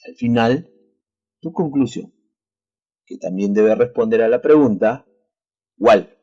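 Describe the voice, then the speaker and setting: A man with a Peruvian Spanish accent teaches a school lesson on the radio, explaining each point slowly and speaking to the students directly. His voice is mellow and a little husky. The sound is dull and lo-fi, with faint music underneath. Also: medium pitch. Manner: clear, deliberate explaining, addressing students directly.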